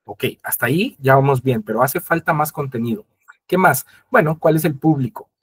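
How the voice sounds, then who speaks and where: A man's voice: medium pitch, lively intonation, normal speed, fairly bright tone, breathy edge. A man presenting an instructional webinar, explaining step by step, addressing his audience directly and acting out quoted conversations.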